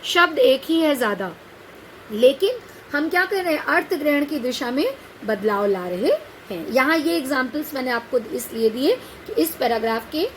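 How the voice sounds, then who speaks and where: A woman with a high, bright-pitched voice teaches a class in a patient, explanatory way. She keeps asking rhetorical questions and checking whether her students follow. Faint noise hums behind her. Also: lively intonation, normal speed, poor audio. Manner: patient, addresses students as "बेटा". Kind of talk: classroom lecture on a set text.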